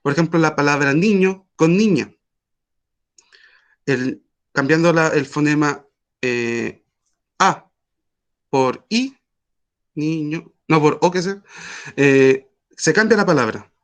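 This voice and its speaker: A man teaching an online language class, explaining patiently with frequent pauses and fillers. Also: a little high.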